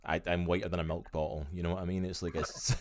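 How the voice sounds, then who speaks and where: A man's voice: sits low, little pitch movement, fast talker. A Scottish man talking in a casual, rambling interview conversation with many restarts. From Scotland.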